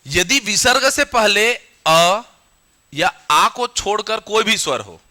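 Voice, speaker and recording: A young adult man teaching a grammar lesson to a classroom, quizzing the students with questions and answering them himself, and slowing down to dictate the rules. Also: high-pitched, expressive, bright, forceful tone.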